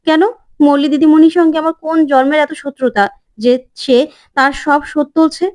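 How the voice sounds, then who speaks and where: A woman's voice: sits high, steady tone, fairly quick, darkish tone, dry recording, studio quality, lightly acted. A woman voicing a hurt, bewildered young wife who pleads her innocence in a retold serial. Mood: bewildered pleading.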